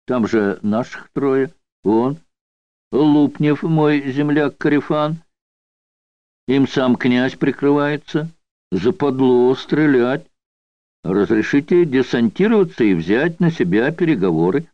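A man's voice: mid-range voice, slow pace, dry recording, natural voice. A male audiobook reader voicing a brash young soldier who talks back in blunt slang. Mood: defiant. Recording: dull dry studio recording.

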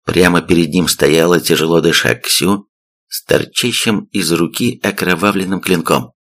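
A man reads a scripted story aloud in a low voice. His tone is gravelly and full of fry, and the telling stays steady and even. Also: normal speed. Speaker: audiobook narrator.

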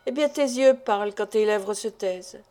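A woman reading an audiobook, voicing a jealous, proud young man who is quick to anger and asks pressing, impatient questions. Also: medium pitch, dark tone, natural voice.

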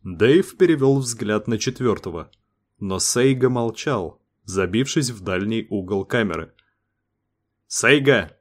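A man narrates a science-fiction story in a measured, even reading voice. His voice sits low, and his pace is unhurried. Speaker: audiobook narrator.

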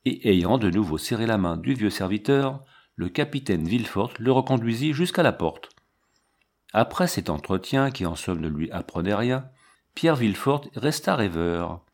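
A male audiobook narrator reading a novel in a measured, storytelling way. His voice sits on the low side. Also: lively intonation, darkish tone. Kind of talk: scripted narration.

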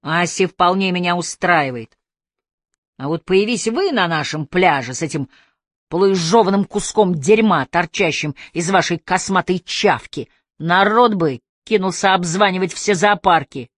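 A woman voicing a brash, crude young Australian man who mocks others loudly in coarse slang, in an audiobook. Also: on the low side, animated, a little slow, no echo, clean studio sound. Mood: brash mocking. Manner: loud, coarse slang, mocking.

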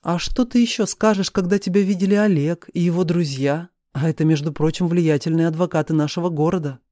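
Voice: mid-range voice, a little fast, warm tone, no echo, clean studio sound, lightly acted. A reader voicing a stern middle-aged mother who harshly scolds and accuses her daughter in an audiobook. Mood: scolding.

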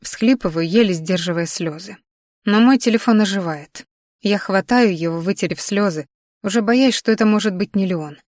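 Woman, first-person audiobook narration, mid-pitched, dry close mic. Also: normal speed, a little mellow, no room sound.

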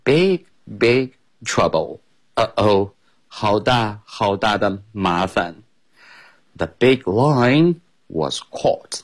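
A male teacher on a radio lesson, reading a children's story in two languages with slow, expressive storytelling and big pitch swings. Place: radio studio.

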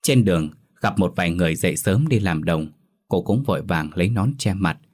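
A man narrating a ghost story in a steady, measured way. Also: sits low.

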